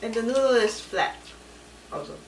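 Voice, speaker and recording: A woman's voice: a little high, expressive, moderate pace, slight background noise. A woman tasting food in casual chat, talking with her mouth full in short, clipped comments, recorded in a kitchen. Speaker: taste tester. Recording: echoey, distant mic, loud clatter of dishes and cutlery.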